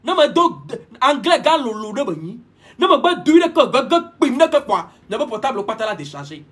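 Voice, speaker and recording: A man holds forth in a live-stream monologue, preachy and repetitive, hopping between languages. His voice sits very high for a man and sounds husky, and it rises and falls in lively swings. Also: normal speed. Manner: preachy, repetitive, switching languages mid-sentence. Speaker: livestream host.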